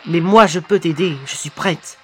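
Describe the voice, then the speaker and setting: A performer voicing a giant female moth queen in a fan animation, speaking in a low, measured way. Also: a bit bright, soft background music, close to an everyday voice. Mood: resolute.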